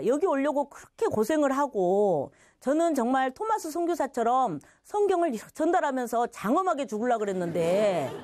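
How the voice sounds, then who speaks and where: A middle-aged woman tells her personal church testimony, acting out what others said in quoted voices and laughing now and then. Her voice is fairly high and darkish in tone, with no room sound.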